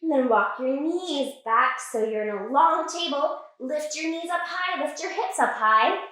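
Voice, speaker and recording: A woman's voice: high-pitched, expressive, measured pace, a bit bright. Playful sing-song woman teaching kids' yoga. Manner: playful, sing-song, cheerful with animal sounds. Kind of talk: guided children's yoga class. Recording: echoey room, voice from a distance.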